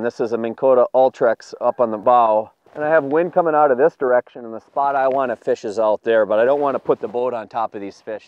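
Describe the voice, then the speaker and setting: The recording is muffled, but the man's mid-range, darkish voice comes through as he demonstrates fishing from an open boat on a lake. He's in his thirties and produces fishing videos, and he explains his tackle and catches in an upbeat way.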